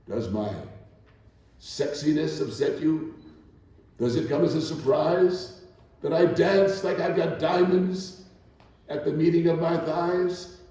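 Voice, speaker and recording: An older man, an actor, gives a theatrical poetry recital and spoken presentation to a live audience in an echoing indoor hall, phrasing things in a deliberate, declamatory way. His mellow voice sits on the high side, and the muffled recording is captured from far away in a very echoey space.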